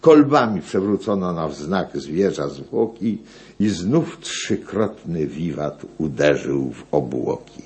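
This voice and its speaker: A man declaims epic verse in a deep, unhurried voice. His pitch rises and sinks dramatically across each line. It is a slow, grand reading. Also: sing-song.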